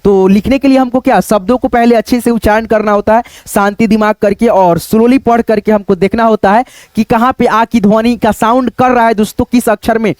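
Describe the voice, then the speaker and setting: A man teaching Hindi writing online, dictating words slowly and breaking them into syllables, often checking in with his students. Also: high voice, steady tone, darkish tone, dry recording. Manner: slow, patient dictation, repeating words syllable by syllable; keeps checking in with "ठीक है" and "दोस्तों".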